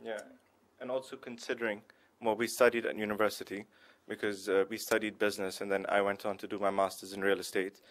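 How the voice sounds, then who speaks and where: A young man, a shop co-founder, answering interview questions in a measured way with an occasional "uh". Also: on the low side, flat delivery, a bit bright. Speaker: e-boutique co-founder.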